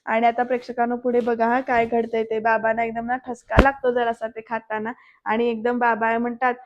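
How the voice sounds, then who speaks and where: Woman narrating an episode recap, fairly high voice, flat delivery, talks to viewers, dull lo-fi sound. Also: fairly quick, noisy background. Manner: storytelling recap, often addressing the viewers directly. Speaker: serial reviewer.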